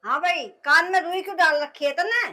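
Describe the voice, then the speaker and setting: A woman's voice: very high voice, brisk, sharp tone. An actress playing a nagging village mother-in-law with a Haryanvi accent, scolding her son.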